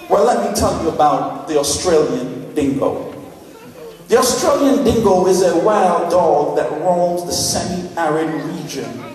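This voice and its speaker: A man preaching a sermon as pastor, building to passionate shouted refrains. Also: sits high. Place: church sanctuary. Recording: echoey church hall, distant mic, organ music and congregation.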